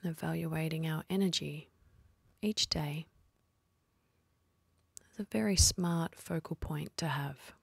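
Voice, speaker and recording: A woman guides a meditation in a soft, husky, breathy low voice, speaking slowly and soothingly with long pauses. There's no room sound.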